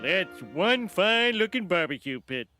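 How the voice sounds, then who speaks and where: Guy putting on a super high creaky jealous dude, slow and swooping all over. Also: sing-song, sharp tone, soft background music, exaggerated voice. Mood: envious.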